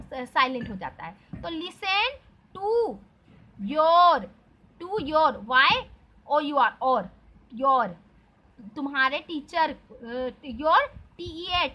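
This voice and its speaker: Slow, high-voiced woman teacher. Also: lo-fi sound. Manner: spells words out letter by letter, slow and patient; asks the students questions and answers them herself. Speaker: English teacher. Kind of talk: explaining an English lesson in Hindi.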